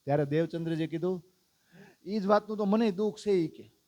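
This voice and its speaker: A man tells a religious story as a sermon, in a voice pitched somewhat high. He keeps asking his listeners questions and voices the characters' lines himself. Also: fairly quick, a little mellow. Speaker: religious discourse speaker. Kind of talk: storytelling sermon to a live audience.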